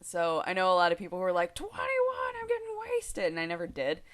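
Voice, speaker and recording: A woman's voice: lowish voice, wildly swooping pitch, a little fast. A woman in her twenties talking casually to the camera in a rambling vlog, chatty and giggly, full of fillers and restarts. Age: 20s. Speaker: video blogger.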